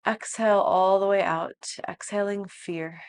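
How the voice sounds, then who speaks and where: A woman yoga teacher leading a guided yoga nidra relaxation like a sleep story narrator, soothing and hushed, with long pauses. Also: mid-range voice, fairly even intonation, clean tone.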